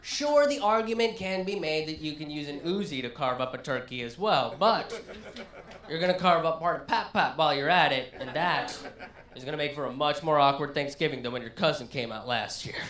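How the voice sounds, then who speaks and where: A male comedian doing a live stand-up set in a small listening room, ranting and animated. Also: on the high side, brisk, roomy sound.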